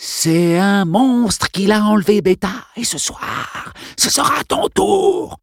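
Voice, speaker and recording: Un garnement qui joue au monstre d'une voix grinçante et traînante, interprété par un homme dans un livre audio. Il parle lentement, de façon sinistre, et le son est sec. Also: male voice, sits high, very animated, slow pace, gravelly, no echo, studio quality, pitched above the performer's own voice, full character voice. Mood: menaçant. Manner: lent, sinistre. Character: garçon qui mime un monstre menaçant.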